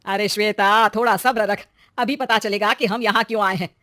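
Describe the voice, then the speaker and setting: A woman voicing a calm, shrewd older mother in a cartoon story, speaking patiently and with a motherly tone. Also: mid-range voice, moderate pace, no echo, studio quality, natural voice.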